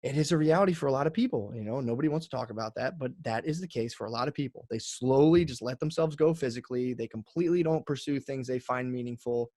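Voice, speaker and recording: A man's voice: medium pitch, fast, hardly any pauses, mellow, dry recording, studio quality. A man in his thirties, a podcast guest talking in a rambling casual way with many fillers. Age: 30s.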